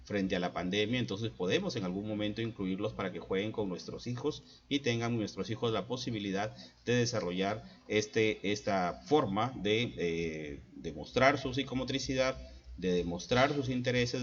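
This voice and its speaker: A man's voice: lowish voice, moderate pace, lo-fi sound. A man giving an instructional talk to parents, posing points as repeated rhetorical questions. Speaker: speaker advising parents.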